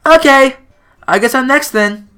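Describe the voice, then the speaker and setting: A man's voice: extremely high pitch, unhurried, bright, forceful tone, smooth, voice pushed up, exaggerated voice. A man voicing a bubbly, cheerful teenage girl who giggles and talks eagerly, in a visual-novel game.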